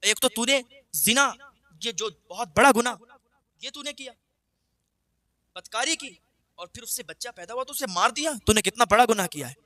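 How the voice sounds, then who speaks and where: A man preaching who voices a stern older male prophet, loud and scolding in anger. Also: extremely high pitch, expressive, hardly any pauses, no room sound. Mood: furious.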